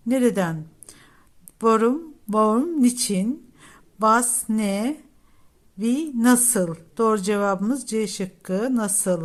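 A woman teacher, going through exam questions one by one, reading each option aloud and then giving its meaning. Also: mid-range voice. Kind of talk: exam prep lesson walking through test questions.

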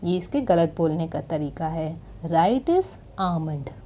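A woman with an Indian accent hosting her channel and teaching English pronunciation, pronouncing each word clearly and carefully. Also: lowish voice, expressive, slow pace, dark tone, slight background noise. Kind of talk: slow, deliberate pronunciation lesson. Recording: music playing behind.

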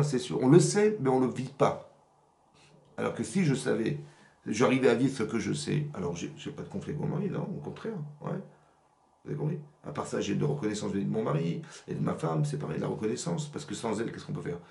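Fast-talking gravelly rabbi teaching. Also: male voice, lowish voice, echoey room. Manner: animated, asks "vous avez compris?" often. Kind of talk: religious lesson to women. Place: rented workshop room.

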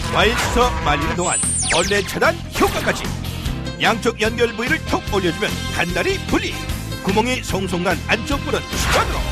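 Female voice-over for hard-sell ad, urgent and animated, loud music underneath. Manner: urgent, exclamatory sales pitch. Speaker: TV shopping ad voice-over announcer.

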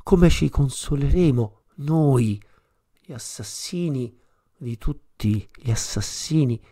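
A man's voice: mid-range voice, dark tone, no room sound, clean studio sound. A man voicing a frantic madman who cries out in anguish, in impassioned declaiming reading. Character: frantic madman proclaiming God's death.

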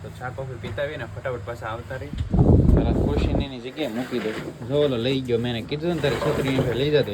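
A man's voice: medium pitch, background noise. A man, chatting casually as a family vlogger and calling his viewers brother. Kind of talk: casual vlog chat. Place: outdoors, then a shop.

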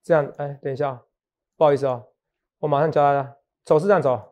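A man's voice: fairly high pitch, steady tone, quick pace, darkish tone. A middle-aged man with a Taiwanese Mandarin accent hosting a stock market show in a chatty, teasing way, often checking in with his co-host. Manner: chatty, teasing, jokes and laughs often, asks "好不好". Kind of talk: casual market talk show chat.

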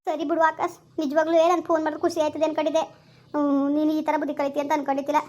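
Woman playing a fretful young village woman; rural Kannada accent, high voice, flat delivery. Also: rapid-fire, close to an everyday voice. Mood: anxious. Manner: fretful, sighs and tuts. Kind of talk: village skit acting.

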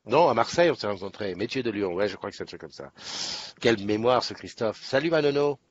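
A man's voice: on the low side, lively intonation, fast talker, dull audio. A man hosting a casual morning live stream, chatty and upbeat, greeting viewers one by one by name. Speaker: livestream host. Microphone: webcam setup.

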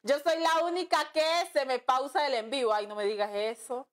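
A woman's voice: sits high, fairly even intonation, moderate pace. A woman teaching a nail class on a live stream, chatting with her viewers and calling them love and friend as she reads their comments. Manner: chatty, calls viewers "mi amor" and "amiga". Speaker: nail art instructor.

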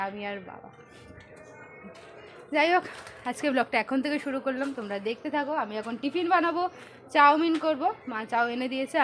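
A woman's voice: on the high side, a bit bright, a little hiss or hum. Chatty young woman vlogging. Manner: fast, chatty, teasing family asides. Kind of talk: casual home vlog chat. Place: family home kitchen and garden.

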